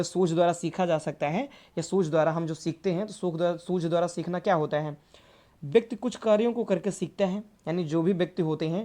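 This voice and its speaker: A woman's voice: on the low side, mellow. A woman teaching an exam-prep lesson, restating each point and posing questions she then answers herself. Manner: repeats and rephrases points, asks and answers own questions. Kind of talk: explanatory lecture.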